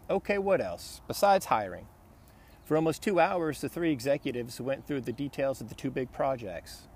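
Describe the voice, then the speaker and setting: A man narrating a business novel in a steady, plain storytelling voice. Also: mid-range voice, slight background noise. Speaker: audiobook narrator. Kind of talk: scripted narration.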